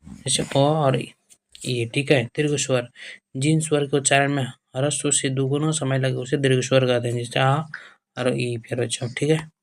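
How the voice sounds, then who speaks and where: Man, tutor type, even, flat delivery, drills definitions by repeating them. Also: mid-range voice, moderate pace. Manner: repetitive, keeps addressing students fondly and checking with "okay"; asks questions and answers them himself. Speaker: teacher. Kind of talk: board-exam grammar lesson.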